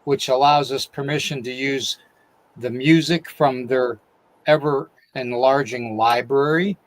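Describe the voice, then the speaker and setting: The low-quality recording captures a man with a mid-range voice hosting a live-stream podcast. After working through a long disclaimer, he greets chat viewers one by one by name, noting that his voice is going.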